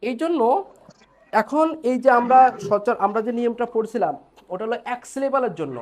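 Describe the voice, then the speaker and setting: A man's voice: very high voice, lively intonation, fairly quick, a little hiss or hum. A man teaching an online English class, explaining step by step and checking in with his students.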